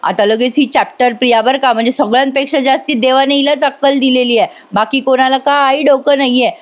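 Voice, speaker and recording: A woman's voice: high voice, fairly even intonation, a little fast. A woman with a Marathi accent narrating a chatty voice-over recap of a TV serial, commenting as she retells scenes.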